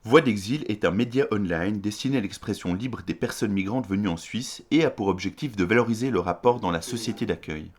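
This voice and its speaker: A man with a fairly low voice narrates a documentary. His reading is scripted, measured and formal, with every phrase set down evenly.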